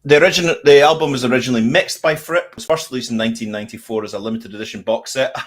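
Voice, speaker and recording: A man co-hosting a relaxed music chat, spinning animated stories about bands and gigs. His voice sits at an ordinary middle pitch, and he talks in a loose, conversational way. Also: fast. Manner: chatty storyteller, animated anecdotes. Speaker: podcast co-host.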